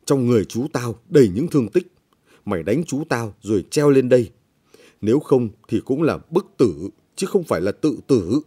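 A greedy village official barks and sneers, pushing his victims around with contempt, as a male reader puts him on. The voice sits low and dark with a husky edge, rising in force when he threatens. It belongs to a storybook reading. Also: lively intonation, normal speed. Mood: menacing. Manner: harsh, blustering, scornful.

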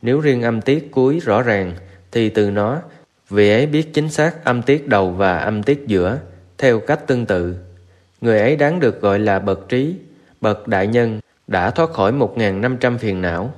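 A man reading a Buddhist scripture aloud in a steady, measured recitation, with Pali verses woven in. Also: lowish voice. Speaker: narrator.

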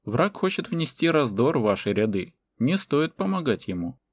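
A male narrator voicing a calm, serene tall old man who speaks unhurriedly. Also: mid-range voice, moderate pace, no room sound, pitched above the performer's own voice.

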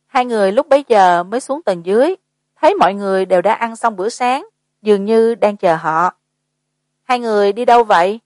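A woman narrating a horror audiobook in an even, measured way. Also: medium pitch, no echo. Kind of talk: scripted narration.

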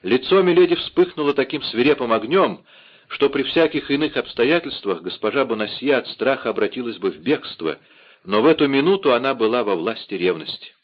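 A man narrating an audiobook in a measured, theatrical reading, on a dull lo-fi recording. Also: medium pitch, animated.

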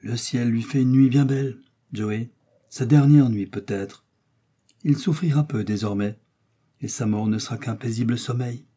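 A man's voice: mid-range voice, normal speed, dark tone, slightly rough, natural voice. A man reading as a grave, learned doctor. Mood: sorrowful. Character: grave male doctor-explorer, learned and sorrowful.

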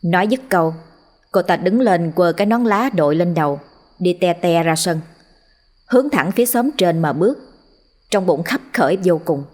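A woman with a Southern Vietnamese accent narrating a story in a steady, even scripted style. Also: fairly low pitch, normal speed. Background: faint music.

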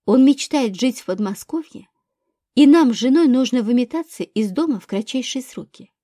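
A woman reading a grown son under police questioning, giving calm, measured answers in her own voice. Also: on the high side, dry recording, clean studio sound. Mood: restrained.

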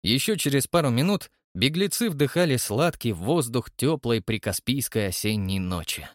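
A man narrating an adventure audiobook in a lively, dramatic reading. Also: medium pitch, moderate pace, no echo, studio quality.

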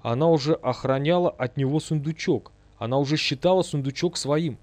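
A man's voice: fairly high pitch, a little fast, darkish tone, no echo. A man giving a dramatic, vivid first-person audiobook narration.

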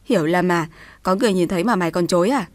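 A woman reads as a furious older mother-in-law, spitting harsh insults in fast, loud bursts. The voice sits low and sounds dry and close, like a storybook read-aloud. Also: no echo, lightly acted. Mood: furious scolding. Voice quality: harsh, scolding.

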